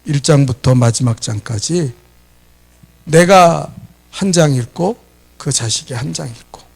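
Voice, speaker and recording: Brief: middle-aged male pastor, a sermon with a fairly high, gravelly voice, animated and questioning. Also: a little slow. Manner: animated preaching, asks the congregation questions and acts out quoted scolding.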